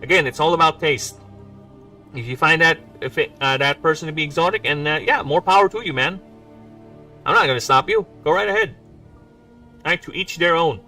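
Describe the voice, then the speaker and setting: Bright-voiced joking man, mic set back. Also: fairly high pitch, brisk, pauses often. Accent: mixed English accent. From Philippines. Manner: joking, rambling, self-mocking asides. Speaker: indie game developer streaming. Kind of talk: casual livestream chat. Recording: distant mic with faint music. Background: faint background music.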